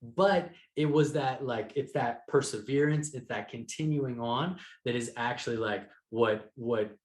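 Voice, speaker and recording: A man in his thirties, an entrepreneur and author, chats as a podcast guest in a casual interview, speaking emphatically with informal, youthful phrasing. His mid-range voice is unhurried, and the room sounds echoey.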